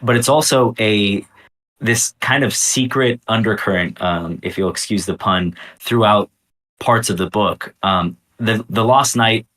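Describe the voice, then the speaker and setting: Man with a low voice, bright and forward, rambling, eager game-design chat. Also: measured pace. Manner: enthusiastic, rambling, laughs often. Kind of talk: casual livestream Q&A.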